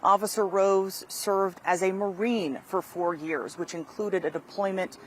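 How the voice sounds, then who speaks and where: A woman's voice: medium pitch, fairly even intonation, a little slow, poor audio. A woman delivering a scripted live news report as a field reporter. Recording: light outdoor traffic noise.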